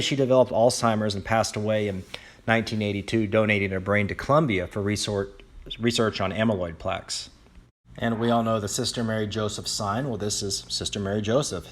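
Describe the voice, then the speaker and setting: A man's voice: on the low side, steady tone, brisk. A man, a dermatologist, presenting a history lecture to colleagues at a conference, telling stories about notable figures. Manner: admiring, storytelling lecture delivery.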